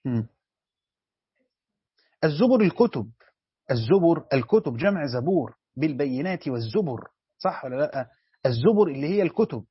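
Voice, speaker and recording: A husky-voiced Egyptian man teaching as a sheikh, somewhat high for a man and questioning his class as he goes. He repeats key phrases to drive them home. The sound is dry and a little dull, like a lo-fi lesson recording. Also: big pitch swings, normal speed, pauses often, no room sound. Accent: Egyptian Arabic. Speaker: sheikh teaching Quran commentary.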